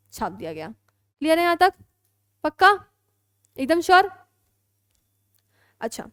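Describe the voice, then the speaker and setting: High-voiced Indian woman teaching law. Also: dry recording, clean studio sound. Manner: mixes Hindi and English, keeps checking students understand. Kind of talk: classroom lecture.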